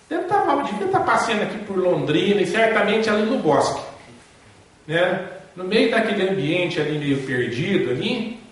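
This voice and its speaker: A man's voice: high-pitched, a bit bright. A man giving a spiritist lecture, telling a story in a folksy way and checking in with listeners. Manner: folksy, asks listeners along with tag questions. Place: spiritist center hall. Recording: echoey hall from far off.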